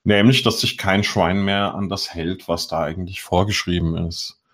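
A man's voice: sits low, steady tone, normal speed, fairly bright tone. A middle-aged man co-hosting a casual talk show, ranting in an exasperated way. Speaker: podcast co-host. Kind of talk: casual chat.

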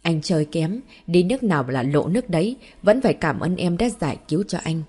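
A woman reading the lines of a calm, devoted young husband and father in an audiobook, with a gentle, reassuring manner. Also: fairly high pitch, a little fast, slightly rough.

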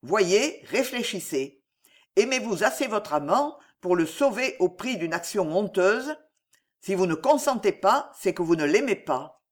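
A man's voice: high-pitched, very animated, exaggerated voice. A reader doing a cold, scheming nobleman. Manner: grim, commanding, measured. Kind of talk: audiobook character voice.

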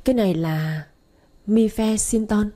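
A woman's voice: mid-range voice, measured pace, mellow, close to an everyday voice. A woman voicing a chatty, curious pharmacist who asks nosy questions.

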